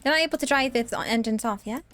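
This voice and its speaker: A woman's voice: on the high side, quick pace, music in the background. A woman streaming a game roleplay as a police officer, easygoing and agreeable, talking to her chat.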